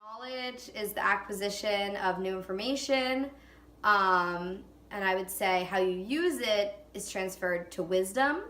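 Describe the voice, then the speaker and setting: A woman in her twenties answers interview questions reflectively, hesitating and filling her speech with fillers and hedges. Her mid-range voice is unhurried and fairly bright, recorded in an echoey room.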